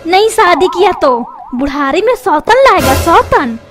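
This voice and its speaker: A woman's voice: extremely high pitch, big pitch swings, a little slow, exaggerated voice. A woman voicing a bossy cartoon mother who scolds and threatens her husband and son. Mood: scolding. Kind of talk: cartoon voice acting. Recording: music playing underneath.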